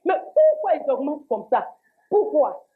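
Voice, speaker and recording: A woman's voice: sits high, huge pitch swings. A woman with an Ivorian French accent playing an angry mother who complains about prices in a comedy sketch. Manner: indignant, scolding, rapid complaints. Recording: tinny lo-fi audio.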